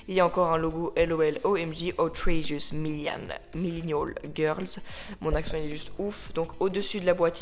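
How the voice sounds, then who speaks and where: A toy reviewer talking casually into a phone camera at home, chatty and rambling, often correcting themselves and dropping English words into the talk. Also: medium pitch. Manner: mixes English words into French. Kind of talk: casual unboxing-style review. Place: at home with a ring light.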